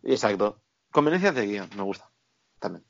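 A man recapping a film in casual chat, animated and profane, tagging his lines with quick checks to the listener. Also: fairly low pitch, creaky, highs cut off.

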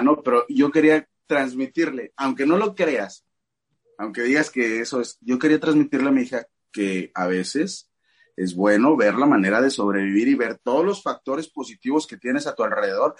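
A middle-aged Mexican man with a Mexican Spanish accent, a father telling an animated story as a guest in a casual chat. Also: medium pitch, husky. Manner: animated storyteller acting out quoted voices.

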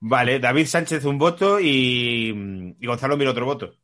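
A man's voice: medium pitch, normal speed, fairly bright tone. A man with a Spain accent hosting a casual podcast conversation and moving it along. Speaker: podcast host.

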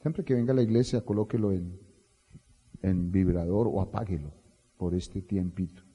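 A man's voice: sits low, moderate pace, breathy edge, muffled recording. A middle-aged Colombian man preaching a rousing sermon as pastor, calling for responses from the congregation. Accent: Colombian Spanish. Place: church hall. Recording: long reverb of a church hall.

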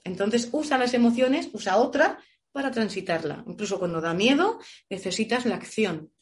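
Woman voice coach giving advice, expressive, acts out shouts now and then. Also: mid-range voice, normal speed. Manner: warm, expressive, illustrates with shouts and playful voices. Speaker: voice coach guest. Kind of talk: advice answering audience questions.

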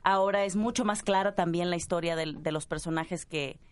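Low-voiced actress, searching for words. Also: female voice, a little fast, dry recording. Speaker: stage actress guest. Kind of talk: casual interview chat.

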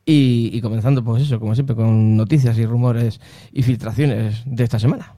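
A man's voice: medium pitch, fairly even intonation, moderate pace, mellow, no room sound, clean studio sound. A man greeting his co-hosts in an easygoing, upbeat way at the start of a casual chat. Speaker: co-host.

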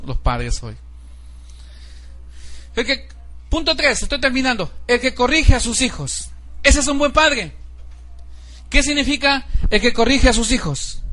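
A high-voiced pastor preaching earnestly to his church. He keeps urging the congregation to repeat after him and mark their Bibles. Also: fairly bright tone. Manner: exhorting, asks the congregation to repeat and underline. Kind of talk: sermon.

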